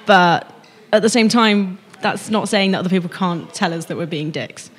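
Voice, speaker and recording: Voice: mid-range voice, moderate pace, a bit bright, in a large hall. A young student giving blunt, frank, casual answers to street questions. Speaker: student interviewee. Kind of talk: casual vox-pop answers.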